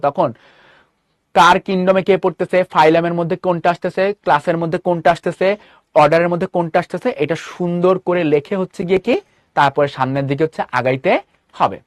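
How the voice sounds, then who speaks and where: A man's voice: high voice, no echo, clean studio sound. A man with a Bangladeshi Bengali accent teaching a live online class, rattling off questions to his students. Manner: quick, repeatedly quizzing students with rhetorical questions. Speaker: online tutor.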